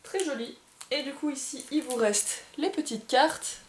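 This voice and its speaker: A woman's voice: high voice, measured pace, slight background noise. A woman casually unboxing and presenting a board game, thinking aloud and gushing with delight over small details. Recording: echoey room.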